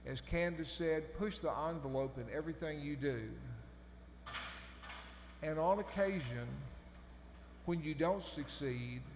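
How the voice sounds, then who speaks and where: Slow, echoey podium speech by a man. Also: a little high. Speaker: commencement speaker. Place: large hall over a PA system. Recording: echoey hall, humming background noise.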